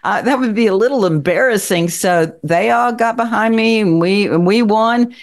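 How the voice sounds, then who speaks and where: With a medium-pitched voice at a moderate pace, a sixty-something woman from Appalachian Kentucky, a city council member, chats casually as a podcast guest, telling stories and laughing frequently.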